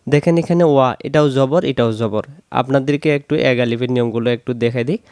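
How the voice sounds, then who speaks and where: A man teaching Quran recitation, slowly repeating syllables to drill pronunciation. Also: medium pitch, darkish tone, clean tone, no echo. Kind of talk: recitation lesson.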